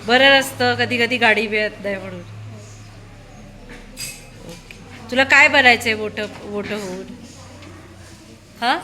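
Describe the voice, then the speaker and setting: A woman with a high, bright voice questions a room of schoolchildren in casual chat. She coaxes and prods, asking the same thing again until they answer. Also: takes it slowly, pauses often. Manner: prodding, coaxing with repeated questions.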